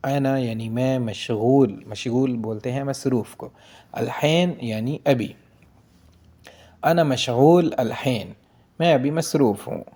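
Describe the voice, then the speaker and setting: A man giving a casual spoken language lesson, going slowly and repeating each phrase with "ठीक है जी". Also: medium pitch, mellow. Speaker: language teacher.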